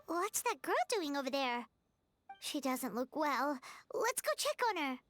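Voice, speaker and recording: A little floating fairy girl from a video game, childlike and squeaky. The voice is extremely high and piercingly bright, leaping around with excitable curiosity. Light music plays underneath. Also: unhurried, heavily acted. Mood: curious. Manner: excitable, speaks of self in third person. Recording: music behind the voice.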